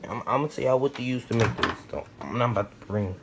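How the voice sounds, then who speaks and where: A man's voice: medium pitch, quick pace. A young American man chatting casually in slang and repeating himself as he narrates a home cooking vlog. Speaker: vlogger. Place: home kitchen. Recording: noisy home recording with clicks.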